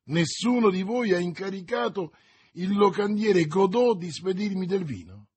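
A man voicing a young hot-blooded musketeer in an audiobook, speaking in an excited, pleading, raised voice. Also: high voice, moderate pace, breathy edge, voice pushed up. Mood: questioning. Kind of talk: audiobook character voice.

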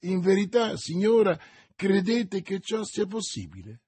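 A cold, contemptuous baron, sneering and menacing his captive , played by a male audiobook reader. He speaks slowly and deliberately in a husky voice. The recording is close and dry. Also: high-pitched, big pitch swings, warm tone, dry recording, pitched above the performer's own voice, heavily acted.

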